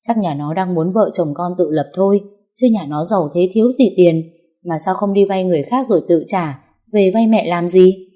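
A spoiled young wife, voiced by a female storyteller chatters and complains in a gossipy, giggly voice. Her tone stays mellow and fairly low through the audio story. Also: normal speed, natural voice. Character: spoiled young married woman, chatty and scheming.

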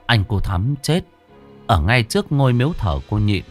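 A man's voice: mid-range voice, big pitch swings, normal speed, soft background music. A man narrating a ghost story with dramatic, varied storytelling delivery.

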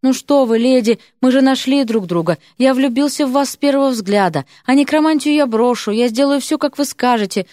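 A woman voicing a young male mage who pleads and flatters with gushing earnestness. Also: sits high, a little fast, hardly any pauses, no room sound, studio quality, voice pushed up, close to an everyday voice. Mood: pleading, gushing.

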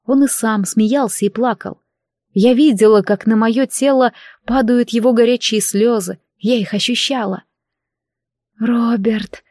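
A woman reading a first-person fantasy novel as an audiobook, in an expressive storytelling manner. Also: a little high, moderate pace, dry recording, clean studio sound. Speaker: audiobook narrator.

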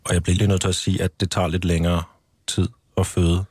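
A man with a very deep, husky voice reads from his own book in a calm, measured way. The studio sound is close and dry. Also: no room sound. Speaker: author guest. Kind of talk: reading aloud from his book.

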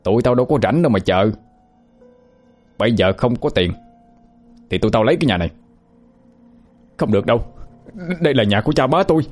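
A man's voice: mid-range voice, expressive, a little fast, pauses often, darkish tone, faint music behind, close to an everyday voice. A man voicing a gloating loan shark. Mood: menacing. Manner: taunting, contemptuous. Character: swaggering male loan shark, cruel and gloating.

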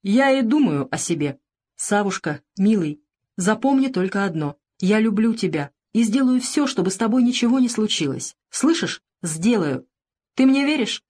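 A woman's voice: medium pitch, big pitch swings, normal speed, darkish tone, breathy edge, pitched above the performer's own voice. A woman reading the part of a frightened young woman who sobs and pleads on the phone, in an audiobook. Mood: pleading. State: sobbing.

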